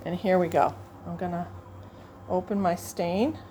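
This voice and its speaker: A woman's voice: fairly low pitch, steady tone, a little slow, mellow, slight background noise. A woman instructor demonstrating a lab procedure to students, chatting and thinking aloud as she works, sometimes moving away from the mic in a teaching lab.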